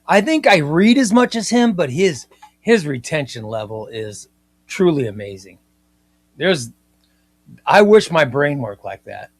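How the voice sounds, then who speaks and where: A man's voice: a little high, sing-song, measured pace, no room sound. A man in his fifties hosting a comic book livestream, chatting casually and with enthusiasm, often repeating himself. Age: 50s. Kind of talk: casual livestream chat reading viewer comments.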